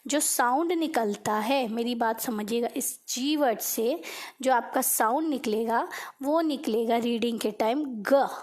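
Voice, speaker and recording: A woman tutor walks through a phonics lesson in a bright, high voice. She takes her time, sounding out every letter carefully. She pauses after each point to check that it has landed. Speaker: English tutor.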